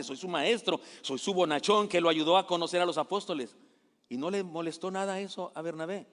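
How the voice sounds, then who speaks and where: A male pastor preaching a sermon in a lively, conversational way, often asking his listeners questions. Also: fairly high pitch. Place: church sanctuary. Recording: echoey church hall.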